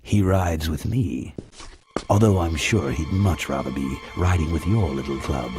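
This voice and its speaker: An actor playing a smarmy, scheming executive in a video game, with oily, formal, drawling politeness. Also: male voice, very deep voice, a little slow, music in the background. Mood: smooth persuasion. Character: smarmy scheming male corporate executive villain, obsequious.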